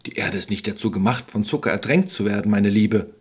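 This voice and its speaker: Calm, wise storybook eco-sage, teacherly and husky, read by a man. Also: fairly low pitch, brisk. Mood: lecturing. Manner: soothing, lecturing. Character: calm wise male forest environmental expert.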